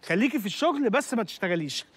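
An actor playing a stubborn, deadpan employee who politely refuses everything, with an Egyptian accent. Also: male voice, high-pitched, rapid-fire. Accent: Egyptian Arabic. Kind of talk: film comedy acting.

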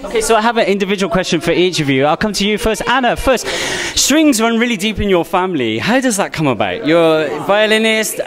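A man conducts a quick, upbeat interview in a small indoor room, speaking into a handheld mic. His voice sits high, and he rattles his questions off at a brisk clip, often restarting mid-phrase. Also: lively intonation, fairly bright tone. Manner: fast and eager, with frequent restarts.

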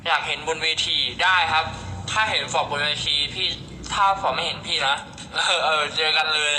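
A man's voice: a little high, fairly even intonation, fairly quick, pushed and bright. Male live-seller, playful chatter, echoey room, background noise. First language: Khmer. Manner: chatty, reads out viewer comments, playful. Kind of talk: casual live-stream selling chat.

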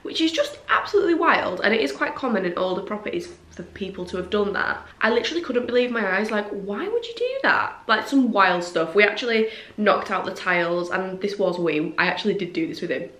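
A woman's voice: mid-range voice, very animated, brisk, a bit bright, roomy sound. A young woman chatting casually to camera at home as a vlogger, informal and rambling, full of "like" and restarts. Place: bedroom or living room in a house, indoors.

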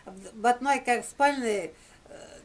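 A woman's voice: a little high, slow, far from the mic. A woman in her seventies casually telling an anecdote, recorded by a camera in a small room at home. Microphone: camera a short distance away.

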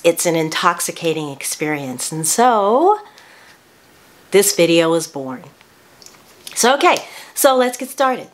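Chatty older woman, lowish voice. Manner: chatty, with frequent restarts and self-corrections. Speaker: beauty vlogger. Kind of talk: casual product review. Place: small bedroom, indoors.

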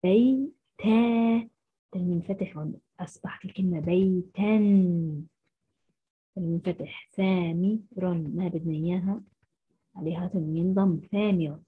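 A woman teacher, giving a first-grade phonics lesson and sounding out syllables slowly. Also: lowish voice, steady tone, slightly rough. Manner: slow, syllable-by-syllable sounding out of letters. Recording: muffled lo-fi recording.

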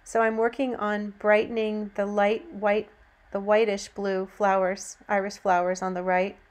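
Female painting teacher, mid-pitched, gentle and encouraging, narrating a step-by-step demo. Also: level tone, unhurried. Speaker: painting instructor. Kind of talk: instructional demonstration narration.

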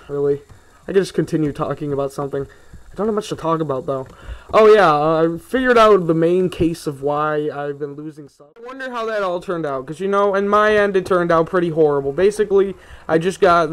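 Rambling young man narrating his gameplay. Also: on the high side. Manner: rambling, easily sidetracked, grumbling asides. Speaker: gaming video host. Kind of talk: casual let's play commentary.

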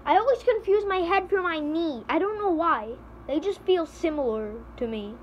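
High-pitched panicky teen girl. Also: expressive, normal speed, muffled recording, slight background noise. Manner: panicky, pleading, shouting for help. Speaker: vlogger. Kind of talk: comedy skit vlog.

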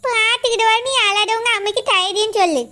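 A woman's voice: very high voice, fairly even intonation, a little fast, noisy background, voice pushed down. A woman voicing an old village grandmother in a cartoon who scolds the family bluntly. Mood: scolding. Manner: scolding, matter-of-fact.

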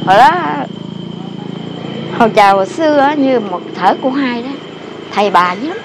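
Older woman, emphatic repetitive storyteller; slightly high voice; noisy outdoor recording with traffic. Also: expressive, normal speed. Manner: rambling, repeats phrases, emphatic. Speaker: interviewee telling local lore. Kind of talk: casual storytelling. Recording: noisy outdoor ambience with passing vehicles.

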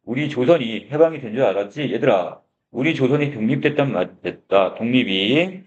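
A man's voice: medium pitch, lively intonation, moderate pace, natural voice. A man reading as an overjoyed village schoolteacher. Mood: elated. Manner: breathless, exclaiming. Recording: dull lo-fi recording.

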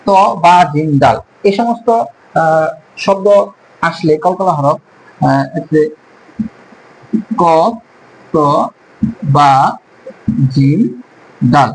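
A man giving an Arabic pronunciation lesson, explaining calmly and drawing out each syllable as he models the sounds. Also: high voice, slight background noise, rough recording. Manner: slow, careful, drawn-out syllables when modelling sounds. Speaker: Arabic teacher.

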